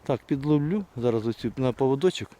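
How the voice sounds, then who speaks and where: A man filming his hunt with hounds in fields and woods, giving a hushed, muttered running commentary to viewers on a handheld camera and calling to his dogs. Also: medium pitch, expressive, quick pace. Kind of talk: live outdoor hunting commentary to viewers.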